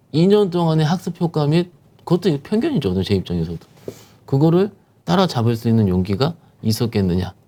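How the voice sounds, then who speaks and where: A man's voice: fairly high pitch, warm tone. A man, a securities firm manager, explaining stock market conditions as a guest, emphatic and posing rhetorical questions.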